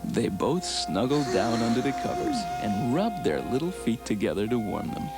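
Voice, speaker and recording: A man narrating a children's bedtime storybook in a gentle, sing-song way, heard from a worn VHS tape copy. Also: mid-range voice, very animated, normal speed. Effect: worn VHS tape copy sound. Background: soft background music.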